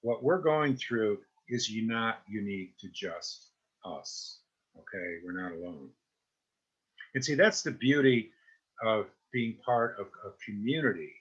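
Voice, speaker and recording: A male mindfulness teacher talks his listeners through self-compassion in an easy, conversational way, often pausing to ask "right?" or "okay?". His voice is bright with a husky edge. The recording sounds a bit dull and lo-fi. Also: fairly low pitch, expressive. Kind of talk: guided self-help talk.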